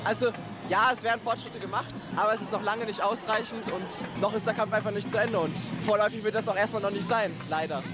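Male demonstrator, earnest street interview, quick high voice, crowd and music behind. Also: steady tone. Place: outdoor street protest. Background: crowd noise and music.

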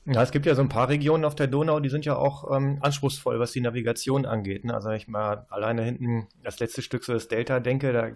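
A man hosting a podcast, asking relaxed questions with fillers. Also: medium pitch, fast, hardly any pauses. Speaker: podcast host. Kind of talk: casual podcast interview.

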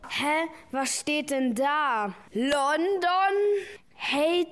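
A woman playing a practical child in a children's radio play who is quick to act. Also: sits high, expressive, a bit bright, exaggerated voice.

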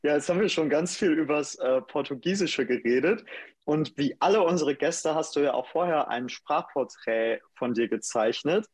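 Husky-voiced male podcast co-host. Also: a little high, moderate pace, no echo. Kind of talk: podcast interview.

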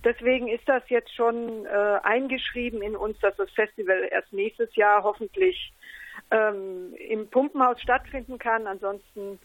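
A woman's voice: a little high, animated, measured pace, dry recording. A woman speaking as a guest over a phone line in a radio interview, thoughtful and hesitant, with fillers and restarts. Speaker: guest on the phone, festival organizer. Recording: narrow tinny phone line, dry.

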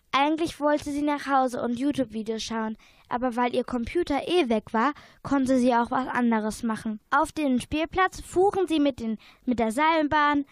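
A woman's voice: high-pitched, no echo. A young female narrator reading a youth radio play steadily, with small slips now and then.

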